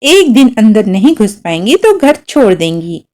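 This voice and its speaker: A woman's voice: fairly high pitch, very animated, moderate pace, a little mellow. A woman voicing a short-tempered, proud middle-aged father who blusters and gives orders. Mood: commanding. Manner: blustering, commanding.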